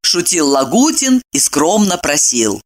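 Animated story narrator, wide pitch swings, dry ironic delivery. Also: unhurried. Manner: lively storytelling with playful ironic tone. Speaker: audiobook reader. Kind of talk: expressive audiobook narration.

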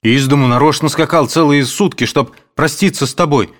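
A man's voice: on the high side, fairly quick, fairly bright tone, voice pushed up, lightly acted. A man reading aloud voices an earnest young friend who speaks emphatically.

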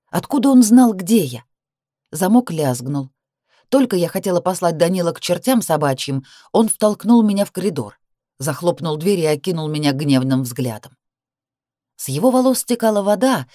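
A woman narrating a romance novel in the first person, in a steady, measured reading. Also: low voice, no room sound, clean studio sound. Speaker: audiobook reader.

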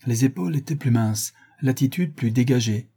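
A man reading a novel aloud as narrator, in steady, measured narration. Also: mid-range voice, husky. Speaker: audiobook narrator. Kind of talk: scripted narration.

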